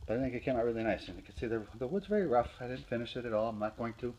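With a medium-pitched, animated, slightly mellow voice, a hobby woodworker from Northeastern Pennsylvania shows his projects in his home garage, talking casually to a handheld phone camera. The recording is muffled and has a little hiss or hum. This show-and-tell vlog is plain and unhurried, with fillers and restarts.

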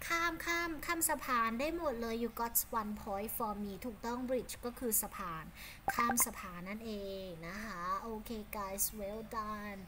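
A woman with a Thai accent teaching English to children online, giving warm praise and speaking her English slowly. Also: on the high side, noisy background. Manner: warm praising, switches between Thai and English, slow deliberate English.

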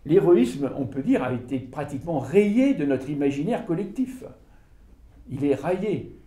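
An older man, an author, gives an informal book talk to an audience in a small indoor room that sounds echoey. His voice is a little high, and his delivery is animated yet halting, with frequent fillers and restarts, recorded by a distant camera with no mic in sight.

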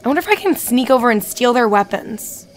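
A woman streaming a game live, talking through every move in a voice set a touch high. She is chatty and quick to get excited, reacting out loud and musing to herself as she plays. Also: slight background noise. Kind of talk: live gameplay commentary.

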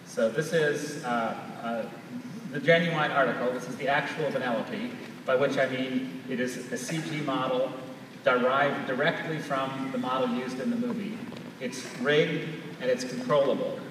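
Male presenter, mid-pitched, explanatory and conversational live demo, captured at a distance from the audience in a reverberant auditorium. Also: steady tone, normal speed. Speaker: presenter demonstrating an app. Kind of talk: live stage product demonstration. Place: large auditorium stage, recorded from far in audience. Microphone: distant camera picking up PA sound. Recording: echoey large hall, distant, noisy audience recording.

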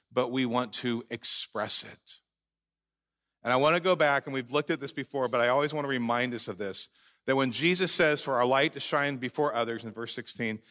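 A man preaching a sermon as pastor, earnest and emphatic, slowing down to read scripture aloud. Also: mid-range voice, bright, forceful tone. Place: church sanctuary.

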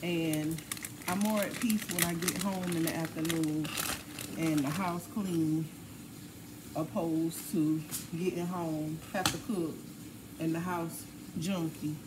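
A woman's voice: low voice, fairly even intonation, slow. Tired woman chatting in a noisy kitchen. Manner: chatty, talks while cooking and cleaning. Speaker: family vlogger. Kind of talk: casual chat. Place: home kitchen.

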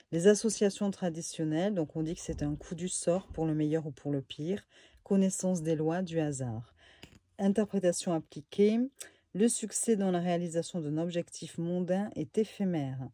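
A woman reviews a tarot deck for her viewers from a room at home, relaxed and chatty with many fillers and little asides. Her voice is lowish, and there's no room sound.

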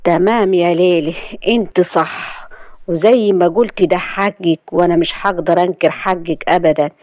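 A woman's voice: on the low side, steady tone, moderate pace, darkish tone, dry recording, lightly acted. A woman voicing a stern, protective young man with an Egyptian accent, who speaks in a curt, commanding way.

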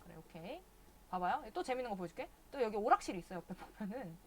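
A woman's voice: mid-range voice, sing-song, fast, a little mellow, a little hiss or hum. A woman streaming a video game live, chatting casually and cursing at the characters in exasperation.

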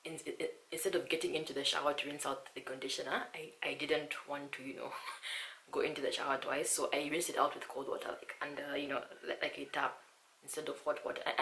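A hoarse young woman from Zambia chatting casually to her vlog audience at home, often half-whispering. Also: low voice. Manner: half-whispering, soft and hushed at times. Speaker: vlogger. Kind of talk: casual chat. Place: small quiet room at home. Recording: echoey room with faint hiss.

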